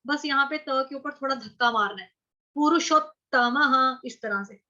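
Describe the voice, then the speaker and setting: A woman teaching Sanskrit verse recitation in an online class, breaking words into syllables and repeating them slowly. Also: sits high, pushed and bright, highs cut off. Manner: slow syllable-by-syllable chanting with repeated drills. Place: online class over video call.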